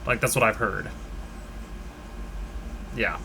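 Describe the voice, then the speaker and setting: A man's voice: fairly low pitch, slow, creaky, background noise. A man co-hosting a podcast in casual chat, enthusiastic, swearing and laughing often. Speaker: podcast co-host.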